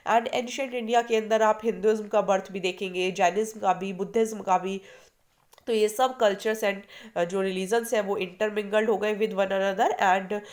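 A woman's voice: medium pitch, steady tone, moderate pace, a little mellow. An Indian woman teaching a history lesson for exam preparation in mixed Hindi and English, explaining patiently and asking her students questions.

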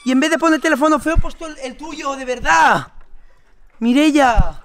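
A woman vlogging a prank outdoors by a pool, loud and exclaiming, often laughing and shouting. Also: high voice, moderate pace, faint music behind. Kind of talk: excited vlog banter. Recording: noisy outdoor camera audio.

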